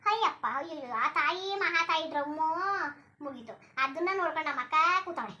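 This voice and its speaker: A woman doing a shrill, bossy old village grandma. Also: pushed and bright. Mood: lamenting. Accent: rural Karnataka Kannada. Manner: scolding, rapid-fire, crude rural Kannada. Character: bald, sharp-tongued old village grandmother. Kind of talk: cartoon voice acting.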